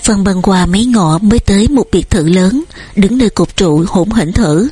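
Woman reading an audiobook, breathy husky voice, steady pace. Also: medium pitch, moderate pace. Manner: steady, storytelling. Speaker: audiobook narrator. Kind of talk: audiobook narration.

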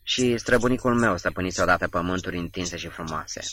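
A man reading the lines of a tired, tipsy émigré woman in a slow, low, hoarse voice. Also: a bit bright. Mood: weary, bitter.

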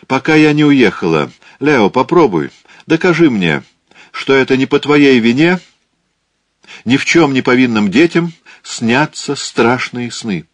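A man's voice: medium pitch, animated, measured pace, no echo, pitched above the performer's own voice. A man reading aloud voices a fed-up, scornful middle-aged wife. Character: exasperated middle-aged wife leaving her husband.

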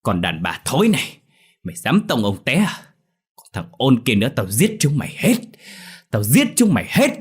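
A man voicing a violent old village father who bellows threats, his speech raised and shouting, in a horror story reading with light music behind. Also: mid-range voice, huge pitch swings, moderate pace, breathy edge, voice pushed up, full character voice. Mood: furious.

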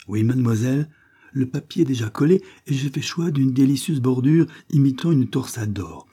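A man's voice: mid-range voice, lively intonation, normal speed, mellow, slightly rough, pitched above the performer's own voice. A man doing an eager lovestruck little grocer. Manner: eager, effusive.

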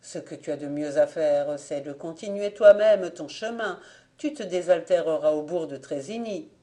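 Sly old blind guy, read by a woman, calm and wry, mellow voice. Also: low voice, normal speed, lightly acted. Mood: instructive. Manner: calm, gently ironic. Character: sly old blind man, wise and ironic.

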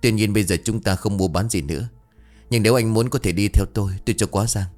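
A man's voice: fairly low pitch, fast, a little mellow, soft background music, close to an everyday voice. A man voicing a stern, blunt middle-aged businesswoman who speaks curtly. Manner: curt, accusing.

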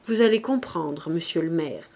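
A woman reading an audiobook, voicing a grave male police inspector who speaks coldly and sadly in a measured way. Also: low voice, expressive, creaky, darkish tone, voice pushed down, exaggerated voice. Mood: solemn. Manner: cold, sad, measured delivery.

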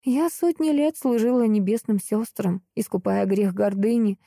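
A woman reading the lines of a young woman's ghostly spirit in an audiobook, gentle and quietly joyful. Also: mid-range voice, moderate pace, dry recording, clean studio sound, natural voice. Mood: quietly grateful. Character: translucent spirit of a young woman, freed servant.

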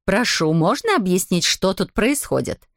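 A woman voicing a caring older female guardian who speaks slowly and reassuringly. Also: mid-range voice, big pitch swings, no room sound, clean studio sound. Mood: puzzled.

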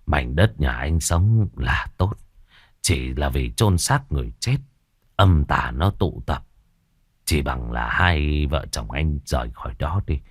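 A man voicing an old village sorcerer in an audiobook, with a husky voice and slow, solemn advice. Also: a bass voice, no echo, clean studio sound, full character voice. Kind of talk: audiobook character voice.

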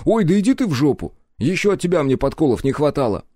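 A man voicing a brash, touchy young man with blunt, loud outbursts. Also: on the high side, big pitch swings, fast talker, dry recording, clean studio sound, voice pushed up.

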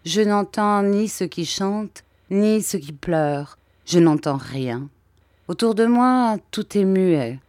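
A woman's voice: mid-range voice, expressive, slow pace, darkish tone, no echo, studio quality. A woman reading aloud, voicing a shy, sad middle-aged male painter who pleads plaintively and belittles himself. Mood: sorrowful. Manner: plaintive, self-deprecating pleading.

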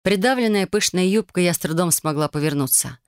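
A woman reading a first-person story aloud in a calm, even storytelling manner. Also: lowish voice, fairly quick, dry recording, studio quality. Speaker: audiobook narrator.

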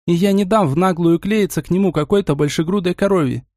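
Man playing a jealous hot-headed young duchess, shrill, scolding, dry sound, audiobook. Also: quick pace, no room sound, lightly acted. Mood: angry. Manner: shouting, scolding, sharp-tongued.

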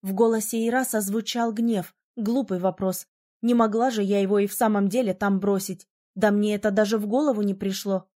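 A woman reads a novel aloud in the first person, with an expressive, lively delivery. Her voice is mellow and soft-edged. Her pitch sits in an ordinary middle range. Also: brisk. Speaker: audiobook narrator. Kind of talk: scripted first-person narration.

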